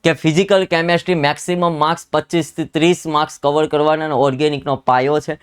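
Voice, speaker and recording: Young male teacher, Gujarati accent, smooth higher voice, urgent exhorting delivery that repeats lines for emphasis. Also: level tone, quick pace. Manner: exhorting, scolding students, repeats phrases for emphasis. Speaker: chemistry teacher. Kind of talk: energetic exam-prep lecture.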